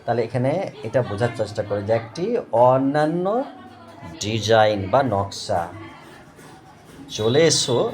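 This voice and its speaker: A man's voice: mid-range voice, sing-song, a little mellow, soft background music. A man teaching English grammar to students, spelling out words and often checking "okay?". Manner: slow, repeats and spells out words, asks "okay?". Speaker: English tutor.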